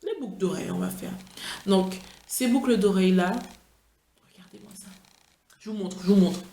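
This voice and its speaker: A woman's voice: mid-range voice, fairly quick, mellow. Chatty woman vlogger in an echoey room. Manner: chatty, self-mocking, talks about herself in third person. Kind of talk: casual chat.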